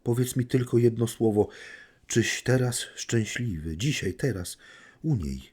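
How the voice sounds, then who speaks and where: A man voicing a desperate young woman who pleads with hurried questions. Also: mid-range voice, expressive, a little mellow, breathy edge, voice pushed up. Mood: pleading.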